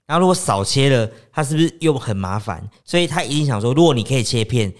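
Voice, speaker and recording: A man's voice: medium pitch, animated, fast. A man co-hosting a podcast, chatting casually and patiently explaining things. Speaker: podcast co-host. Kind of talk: casual chat.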